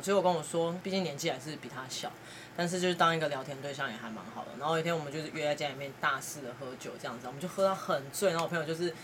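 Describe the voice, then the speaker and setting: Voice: medium pitch, a bit bright, a little hiss or hum. A podcast host, chatty and laughing now and then while telling a story in a casual way.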